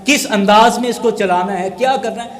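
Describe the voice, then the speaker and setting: High-pitched preaching man, echoey hall. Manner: preaching, rhetorical questions. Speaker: Islamic scholar. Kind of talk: sermon.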